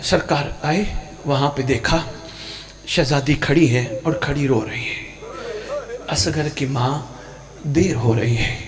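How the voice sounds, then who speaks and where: A man, preaching an emotional mourning sermon with impassioned, sing-song chanting that swells suddenly. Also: fairly high pitch. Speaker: Shia religious preacher. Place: religious gathering in Punjab.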